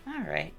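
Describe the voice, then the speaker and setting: A streamer hosting a live stream, chatting casually in a musing, rambling way with frequent restarts. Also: bright, forceful tone. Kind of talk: casual chat.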